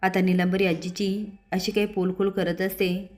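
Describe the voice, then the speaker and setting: A woman's voice: mid-range voice, little pitch movement, normal speed, darkish tone. A woman retelling a TV serial episode, reading every character's lines in her own plain voice. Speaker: serial recap narrator.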